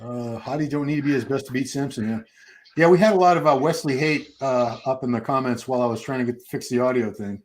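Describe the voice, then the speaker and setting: A man's voice: medium pitch, quick pace, low-quality recording. A man hosting a casual livestream chat, rambling on and asking his guests questions. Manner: rambling, chatty, asks the guests. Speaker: host.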